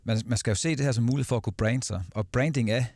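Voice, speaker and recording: A man speaking as a guest in a casual panel discussion, pausing often with fillers and restarting sentences. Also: mid-range voice, a little mellow, dry recording, studio quality. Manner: hesitant, many fillers and restarts.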